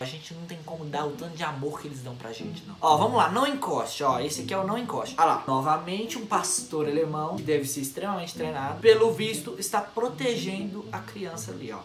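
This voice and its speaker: A man with a Brazilian Portuguese accent giving chatty, excitable reaction commentary to his viewers. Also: on the high side, echoey room. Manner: chatty, excitable, keeps telling viewers to look. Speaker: YouTuber reacting to videos.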